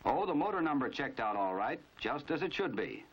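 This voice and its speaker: A mid-range, sing-song voice with a breathy edge belongs to an American man narrating a 1950s crime training film a little fast. He sounds knowing and dramatic, wry and measured. It comes from a dull, band-limited 1950s film soundtrack.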